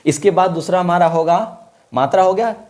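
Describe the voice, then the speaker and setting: Male teacher, mellow slightly high voice, patient repetitive classroom drilling with questions. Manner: slow, repeating points and asking questions. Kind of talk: classroom lesson to children.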